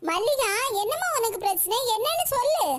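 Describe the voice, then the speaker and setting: An old mother-in-law in a comedy cartoon, played by a woman, with a piercing, very high voice. She is fiery, bossy and protective, and she scolds in rustic Kanyakumari Tamil slang. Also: big pitch swings, fairly quick. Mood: coaxing.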